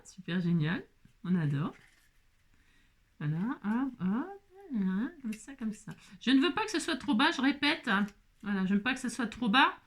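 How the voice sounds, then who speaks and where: A woman's voice: medium pitch, fairly bright tone. A woman hosting a craft tutorial, chatty and playful, talking to herself as she works and laughing often. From France. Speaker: craft video host. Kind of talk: casual craft tutorial talk.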